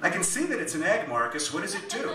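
A man reading aloud, voicing a tipsy, excited woman in bed who cries out breathlessly. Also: high voice, fast talker, music in the background, pitched above the performer's own voice. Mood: curious. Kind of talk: live comic fiction reading. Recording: echoey club, mic at a distance.

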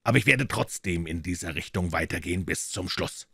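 A man voicing a calm, superior male detective who speaks in a measured, lecturing tone in a storybook reading. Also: low-pitched, gravelly, breathy edge, no room sound, studio quality, exaggerated voice.

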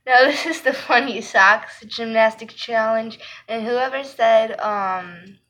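A woman's voice: on the high side, fairly bright tone, poor audio. A woman vlogging in a rambling, giggly way, chatting casually to camera and correcting herself as she goes.

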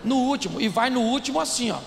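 A man with a high, very gravelly voice preaches to a live crowd, joking and calling out to them. His voice rings through a large echoey hall with faint noise underneath. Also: quick pace. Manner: animated, jokey, addresses the crowd directly. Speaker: preacher, speaker. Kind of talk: humorous preaching to a live audience.

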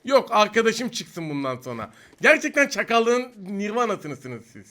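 High bright excitable male gamer. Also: measured pace, a little hiss or hum. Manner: excitable, swings from teasing to exasperated shouting. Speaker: mobile game streamer. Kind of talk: live gameplay commentary.

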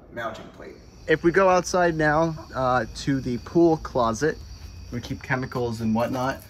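A man's voice: mid-range voice, slight background noise. A man giving a casual, technical walkthrough in a matter-of-fact way, recorded on a handheld phone around a home garage. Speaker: hobbyist demonstrator. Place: home garage and adjoining rooms, handheld camera.

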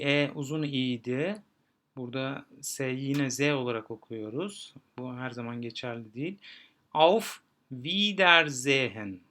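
Bright-voiced man teaching pronunciation. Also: medium pitch. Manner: slow, deliberate, spelling out letters and repeating sample words. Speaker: German teacher. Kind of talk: explaining pronunciation to learners.

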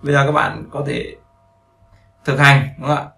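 A man teaching beginners, with a gravelly, fry-edged voice that keeps repeating points and checking in with his listeners. The sound is roomy and echoey. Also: medium pitch, wildly swooping pitch, moderate pace, pushed and bright, distant mic. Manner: repetitive, checks in with listeners often. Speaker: English teacher. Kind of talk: explaining grammar to beginners.

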